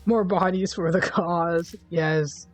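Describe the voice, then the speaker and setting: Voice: medium pitch, steady tone, slow, faint music behind. A streamer giving casual, jokey commentary while playing a game, easygoing and laughing often.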